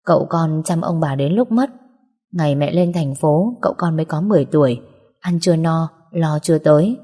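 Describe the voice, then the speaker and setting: Woman doing a gentle slow-speaking mother. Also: low voice. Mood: calm. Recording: long hall reverb.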